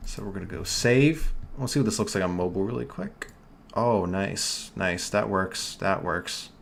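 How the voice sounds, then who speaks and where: A man's voice: low voice, normal speed, vocal fry, a little hiss or hum. Chatty New York man livestreaming. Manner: chatty, self-correcting, talks to chat while working. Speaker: livestream host teaching online store building. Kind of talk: casual live screen-share tutorial.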